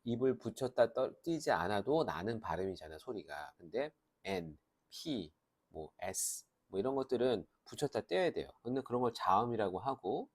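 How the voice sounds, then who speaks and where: A man's voice: mid-range voice, sing-song, normal speed. A man teaching a grammar lesson, explaining step by step and asking and answering his own questions. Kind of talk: lecture.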